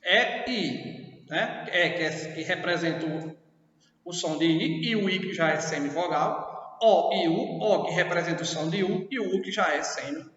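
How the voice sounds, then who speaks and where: Brazilian teacher in an echoey room. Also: male voice, high-pitched, normal speed, a bit bright. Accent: Brazilian Portuguese. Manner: explanatory, asks checking questions often. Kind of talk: classroom lesson. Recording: echoey distant lo-fi room recording.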